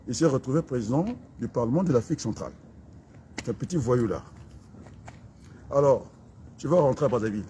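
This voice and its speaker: Brief: middle-aged man, combative political rant, medium voice, outdoor street take, faint traffic hum. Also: medium pitch. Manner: fiery, combative, mocking, with sudden loud outbursts. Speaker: political activist. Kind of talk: impassioned political rant to camera. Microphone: camera held by a companion.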